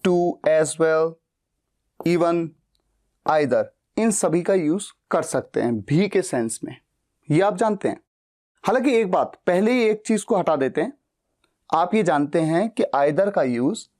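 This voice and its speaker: Mellow-voiced male English teacher. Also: high voice. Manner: patient, repeats examples, asks and answers his own questions; reads English example sentences slowly and deliberately. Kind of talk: explanatory grammar lesson.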